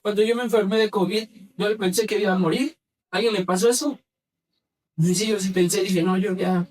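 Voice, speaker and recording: A man preaching a sermon in a church, speaking somewhat back from the microphone. He questions the congregation directly and leads them in repeating phrases. His pace swings from quick bursts to slow, gentle emphasis. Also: high-pitched, distant mic, a little hiss or hum. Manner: emphatic, shifts from brisk to slow and soft. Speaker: pastor.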